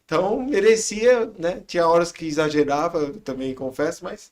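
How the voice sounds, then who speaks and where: A man with a Brazilian Portuguese accent hosting a podcast, chatting in a relaxed, joking way and chipping in with short reactions. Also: a little high, moderate pace. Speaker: podcast host. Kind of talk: casual chat.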